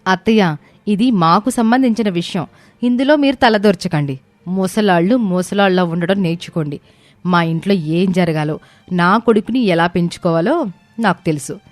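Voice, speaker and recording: A woman voicing a proud, quick-tempered wealthy young mother who scolds and shouts in a storybook. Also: lowish voice, dry recording, close to an everyday voice. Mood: furious. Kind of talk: storybook character voice.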